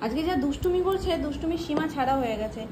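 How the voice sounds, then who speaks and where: High quick-talking young mom vlogging at home, chatty, goes sing-song with her kid. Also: lively intonation, background noise. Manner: chatty, switches to sing-song baby talk with her toddler. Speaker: vlogger and mother. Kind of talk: casual family vlog narration. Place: family home.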